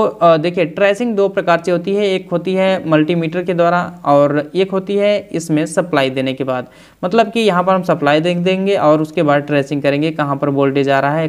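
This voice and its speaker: A man's voice: on the high side, clean tone. A man, a repair instructor, explaining a tutorial step by step in speech, with fillers and repeated phrases.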